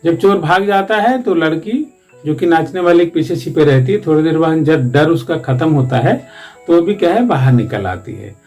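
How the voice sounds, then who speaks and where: A man's voice: on the high side, animated, normal speed, darkish tone, faint music behind. Man retelling a school play story. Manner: loose, rambling retelling with restarts. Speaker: teacher. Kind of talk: explaining a textbook play.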